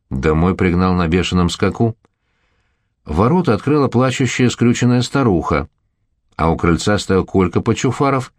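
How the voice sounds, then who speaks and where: Deep-voiced male audiobook narrator. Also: no echo.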